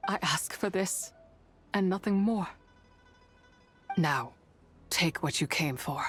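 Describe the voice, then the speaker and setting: A sad wrathful ghost lady in a game, real slow n measured, kinda low, very solemn. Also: fairly bright tone, faint music behind. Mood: resolute, at peace. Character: sorrowful, wrathful female spirit remnant finding peace at last. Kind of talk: dramatic video game voice acting.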